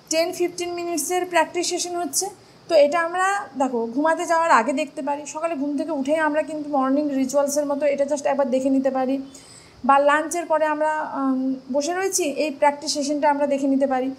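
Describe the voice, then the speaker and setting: A woman's voice: high voice, fairly even intonation, a little fast. A woman with a Bengali accent teaching English grammar in an exam-prep lesson, explaining step by step and asking her students questions before answering them. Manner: addresses students directly, urging daily practice.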